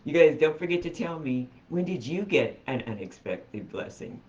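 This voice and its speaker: A woman telling a story on her vlog in a chatty, animated way, talking straight to her viewers. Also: low voice, normal speed, dull audio. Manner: chatty, animated retelling, addresses viewers directly. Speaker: vlogger.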